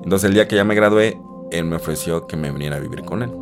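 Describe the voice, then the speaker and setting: A young man with a Mexican Spanish accent tells his own story in a deep, low voice. He talks in a chatty, lively way and slips into a high voice when he acts out what other people said. Guitar music plays clearly behind him. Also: quick pace. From Isthmus of Tehuantepec, Mexico. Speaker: interviewee telling his life story. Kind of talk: personal storytelling.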